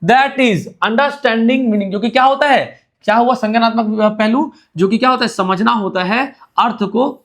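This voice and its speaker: Male teacher, high-pitched, exam-prep lecture, answers his own questions and repeats key points. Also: normal speed, few pauses, fairly bright tone.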